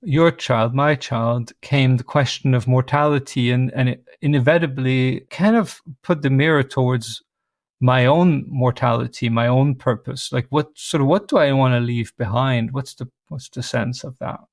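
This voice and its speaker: A man's voice: mid-range voice, steady tone, no room sound, clean studio sound. Thoughtful man on a video call. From Switzerland. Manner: thoughtful, measured, with light self-deprecating humor. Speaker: guest, organizational consultant. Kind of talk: reflective interview talk.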